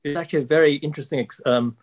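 A man in his sixties speaking as a panelist on a video call, measured and polite, with many fillers. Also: on the high side, steady tone. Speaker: panelist, central bank economist. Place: office with logo backdrop.

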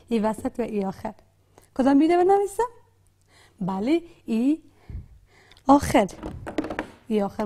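A woman with an Afghan Dari accent leads a patient literacy lesson, slowly sounding out and repeating words. Her voice sits high in pitch but has a dark, mellow tone. She pauses often with soft hesitation sounds. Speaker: literacy teacher. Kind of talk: classroom lesson.

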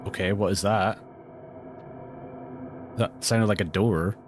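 A man streaming a horror game, talking to his viewers as he plays, jumpy and quick to swear. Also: lowish voice, fairly even intonation, over music. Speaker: let's play streamer. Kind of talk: live gameplay commentary.

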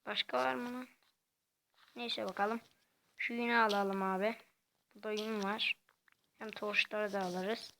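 A woman giving casual, quiet gameplay commentary in a soft, halting way. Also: medium pitch, background noise. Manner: talks quietly and softly; halting, hesitant delivery. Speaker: gaming channel host.

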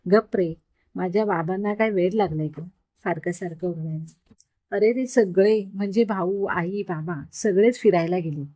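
A woman voicing a playful young woman who teases her friend in lively story dialogue. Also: fairly low pitch, moderate pace, lightly acted. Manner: lively, teasing banter.

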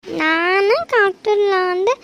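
A woman voicing a small, whiny toddler girl with a high, childish voice. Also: takes it slowly, full character voice. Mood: sulky. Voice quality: high, soft childish lisp.

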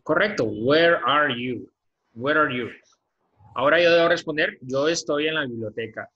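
A man teaching an English class in Spanish, patiently repeating words slowly for pronunciation over a video call. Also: a little high, sharp tone. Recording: dull lo-fi video-call audio.

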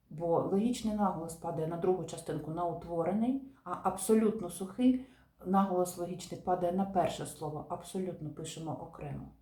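A woman teacher calmly explaining spelling rules to viewers, stressing each example word. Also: fairly low pitch. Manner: calm, methodical, stresses example words. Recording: echoey room.

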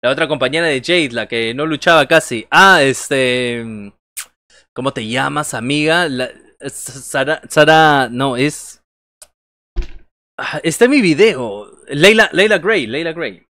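A man in his thirties gives joking, conversational wrestling commentary on a livestream from a small bedroom indoors, calling moves and reacting to chat. His slightly high voice is animated, bright, and forceful, though his pace is slow, and there's no echo.

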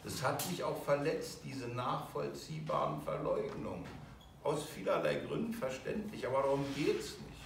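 A man lecturing with a lively, swooping pitch, acting out the voices he quotes. He is heard from a distance in a very echoey room, with faint noise underneath. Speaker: teacher of a video course. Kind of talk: emotional lecture.

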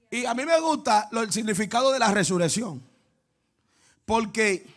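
Pastor guy preaching, really high voice, goes from soft storytelling to shouting it out sing-song. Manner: calls out to the congregation and cries out "woo". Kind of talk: preaching a sermon to a congregation.

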